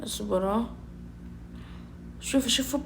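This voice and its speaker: A woman's voice: fairly high pitch, moderate pace, vocal fry, slight background noise. A woman, streaming a game from home and chatting playfully with her viewers. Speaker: gaming streamer. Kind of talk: casual gaming commentary.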